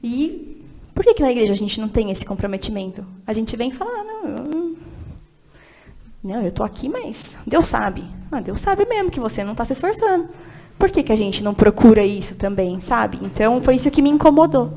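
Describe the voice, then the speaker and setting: Lively lady talking church kids ministry, kinda high voice, laughs a lot, very emphatic. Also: fast, a little hiss or hum. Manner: animated, laughing, emphatic, preachy encouragement. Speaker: children's ministry director, podcast guest. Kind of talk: casual podcast chat. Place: church podcast studio.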